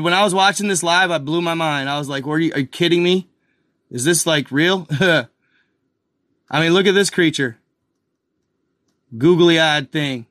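A man hosting a casual video, talking excitedly over images on screen, speculating and firing questions at his viewers. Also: on the high side, dry recording, studio quality. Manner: addresses viewers as guys and y'all, lots of fillers. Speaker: video host.

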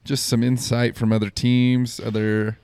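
A man with an American accent co-hosting a casual sports podcast, his voice slightly hoarse and giving out. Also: mid-range voice, little pitch movement, measured pace, a little mellow, no echo. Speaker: podcast co-host.

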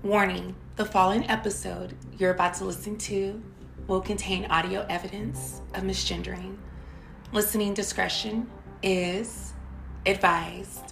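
A woman narrates true crime as a podcast host, her mid-pitched voice noticeably creaky. She reads in a solemn, deliberate way in an echoey space, with music clearly playing underneath. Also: level tone, fairly bright tone. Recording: echoey room, music bed.

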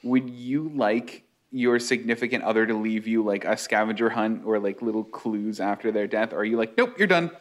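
A man's voice: lowish voice, flat delivery, normal speed, hardly any pauses. A man co-hosting a casual podcast, playful, putting questions to the chat. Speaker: podcast co-host.

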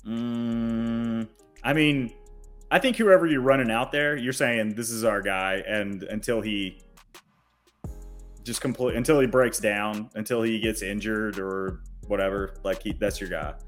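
A man's voice: lowish voice, a little slow, soft background music. A man co-hosting a casual sports podcast, talking in a conversational, hedging way. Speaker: podcast co-host.

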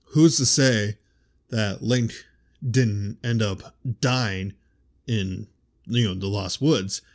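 A man giving casual, rambling video game theory commentary, correcting himself as he goes and pronouncing th sounds as f. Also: lowish voice. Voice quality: says th sounds as f. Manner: rambling, self-correcting, conversational. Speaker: host.

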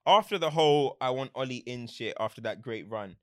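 A man's voice: medium pitch, lively intonation, fairly quick, dry recording, studio quality. A young man with an urban London roadman accent, chatting casually about football in an emphatic, slangy, repetitive way. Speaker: football pundit.

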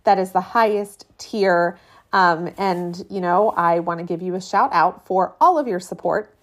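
Rain falls on the metal roof of the cabin where a late-30s woman hosts her solo podcast. She chats casually and informally in a fairly low-pitched voice at a measured pace.

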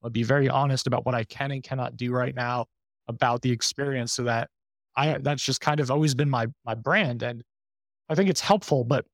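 A man's voice: mid-range voice, no room sound, clean studio sound. A man speaking as a podcast guest in a candid, reflective conversational manner, his voice strained after surgery. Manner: open, reflective, speaks with many restarts and fillers.

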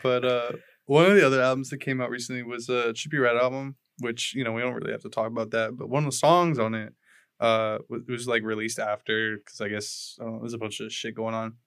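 Chill young dude rambling on a podcast, swears a lot, dry close sound. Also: male voice, medium pitch, little pitch movement, quick pace, fairly bright tone, clear, resonant tone, no echo. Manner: rambling, swears freely, laid-back. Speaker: podcast co-host. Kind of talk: casual chat.

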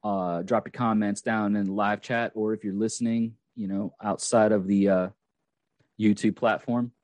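Man, podcast host, casual rambling chat, low pitch, dry sound. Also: fairly even intonation, normal speed, a little mellow, no echo. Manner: rambling, many fillers and restarts.

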